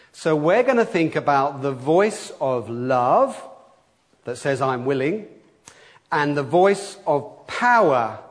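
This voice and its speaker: A man, somewhat high-voiced, talks gently with the children during a church service. He reads scripture and asks questions in an easy, conversational way. His voice rings with the long reverb of a church hall. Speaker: preacher.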